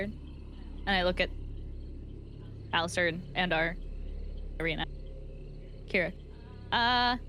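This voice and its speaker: A woman's voice: on the high side, a bit bright, slight background noise. A woman chatting casually as a player in a tabletop role-playing game.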